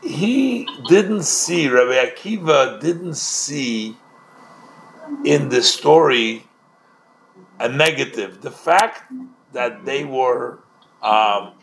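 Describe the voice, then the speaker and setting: Slow-talking rabbi type guy, gravelly voice, retells then explains with lots of restarts. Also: mid-range voice, expressive, a bit bright, slight background noise. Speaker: Torah teacher. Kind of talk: storytelling Talmud class.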